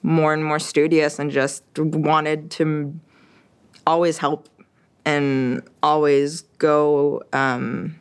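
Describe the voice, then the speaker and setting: As a casual interview guest, a young French-speaking woman from Quebec talks extremely slowly in a deep, clean voice with a level tone. She's chatty, frequently using fillers and restarting her sentences.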